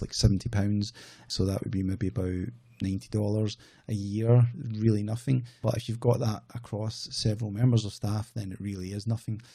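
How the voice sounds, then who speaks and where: A Scottish man hosts his own channel about outsourcing businesses, chatting casually to camera in a rambling, conversational way and correcting himself as he goes. His voice sits in the mid range, gravelly and mellow with a breathy edge.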